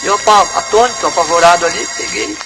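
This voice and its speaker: A man's voice: high voice, fast, low-quality recording. A man with a Brazilian Portuguese accent, a pastor giving a dramatic testimony in church, retelling events with much repetition. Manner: dramatic storytelling, repeats his phrases. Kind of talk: testimony preached from the pulpit. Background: music playing under the speech.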